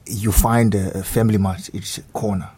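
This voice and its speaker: A man with a South African accent answers as a student guest on radio, halting with many pauses and repeats. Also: lowish voice, fairly even intonation, warm tone, slightly rough.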